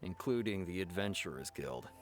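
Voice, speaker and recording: A man's voice: sits low, lively intonation, moderate pace, heavy background noise. A man voicing an officer in a video game who briefs others in a formal, self-assured way. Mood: official. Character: adult male officer of a commission, official. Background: soft game music.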